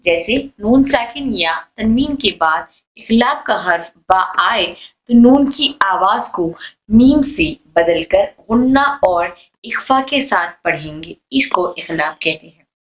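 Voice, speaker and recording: A woman's voice: medium pitch, expressive, takes it slowly, rough recording. A woman teaching a recitation lesson, explaining patiently and repeating and drawing out the example sounds. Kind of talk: online tajweed lesson.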